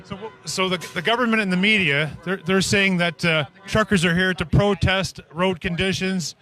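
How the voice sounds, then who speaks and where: A man's voice: high-pitched, normal speed, bright, forceful tone, soft background music. A man doing a street interview outdoors, earnestly asking long leading questions. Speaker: independent media interviewer.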